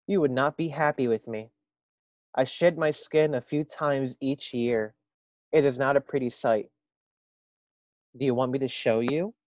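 A man's voice: medium pitch, unhurried, pauses often, dry recording, voice pushed up, lightly acted. A man reading a picture book aloud, voicing a fussy, bossy little male frog who refuses to become a prince.

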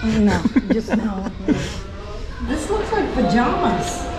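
A woman's voice: on the high side, very animated, slow pace. Gushing woman in an echoey hotel lobby. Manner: gushing, exclamatory. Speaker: vlogger. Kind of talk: casual walking tour chat. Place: hotel lobby and hallways, indoors. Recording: echoey hall with loud music.

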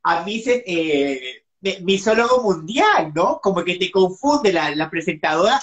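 A woman's voice: lowish voice, animated, unhurried. A woman hosting a casual live-stream interview over a video call, giggly and teasing, with dramatic exclamations. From Peru. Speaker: host.

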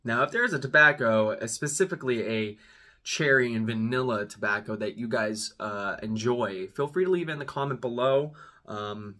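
Bright-voiced young man, laid-back and rambling. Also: medium pitch, moderate pace. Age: 20s. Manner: laid-back, rambling, slangy, self-deprecating. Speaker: pipe tobacco reviewer, video host. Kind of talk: casual chat review to camera. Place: small room at home.

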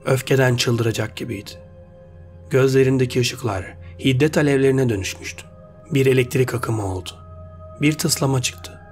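A man reads a short story aloud as narrator, in a steady, measured way. His voice sits at an ordinary pitch for a man. Soft background music runs under the reading.

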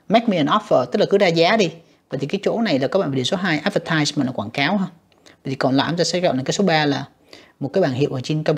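A man walks students through an exam in a slightly husky voice, repeating himself and calling to the class often. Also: a little high. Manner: repetitive, addresses students directly with many fillers. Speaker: English teacher. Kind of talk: exam walkthrough lesson.

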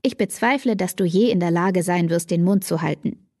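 A woman's voice: on the low side, normal speed, warm tone, dry recording. A woman voicing an exasperated, bookish teenage girl in an audiobook, with a dry close sound. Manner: exasperated, defensive.

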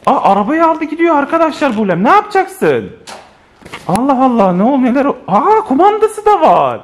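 A man's voice: very high voice, brisk. A man filming a family vlog at home, exclaiming and calling out to his viewers as he plays. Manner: exclaiming, lively, addressing viewers. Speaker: family vlogger. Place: home living room.

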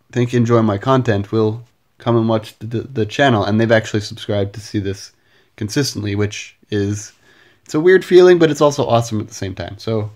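A man talking casually to his camera late at night in a rambling way, full of fillers and self-deprecating asides. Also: fairly low pitch. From Canada. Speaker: vlogger. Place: home at night. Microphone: camera mic.

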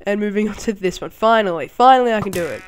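An excitable host talks through a game tutorial in a loose, chatty way, often breaking into laughter and startled exclamations. The talk rambles and is full of fillers. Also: mid-range voice, fast, a little hiss or hum. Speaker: channel host. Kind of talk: casual game tutorial commentary.

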